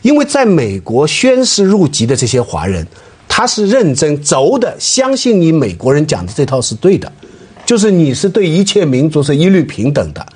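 A male panel guest with a raspy, slightly higher voice who argues his points firmly. His pitch rises and falls widely as he brings in statistics to counter the other speakers. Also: wildly swooping pitch, normal speed, a little mellow. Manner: argumentative, cites statistics. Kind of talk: panel debate.

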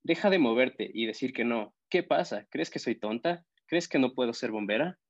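A man voicing a determined schoolgirl who speaks clearly and forcefully, in an audiobook story on a slightly dull recording. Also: medium pitch, animated, moderate pace, dry recording. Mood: angry.

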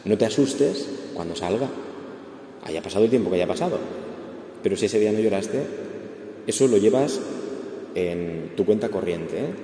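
A man's voice: fairly low pitch, lively intonation, moderate pace, pauses often, dark tone. Spanish man talking in an echoey hall. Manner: earnest, conversational, frequent checking tags. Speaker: speaker giving a talk on grief. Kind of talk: spoken talk to an audience. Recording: echoey hall, faint background noise.

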